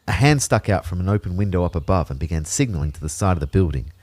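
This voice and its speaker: A man with a deep, darkish voice and lively intonation narrates quickly as an anxious everyman in a sci-fi audio drama. His scripted first-person delivery is wry, uneasy, and understated, with no room sound.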